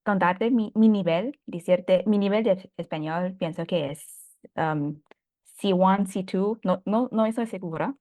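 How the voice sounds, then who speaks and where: A woman's voice: medium pitch, measured pace, warm tone. A woman interviewing in a casual, conversational way, hesitating and repeating words as she checks in with her guest. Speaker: host and language learner.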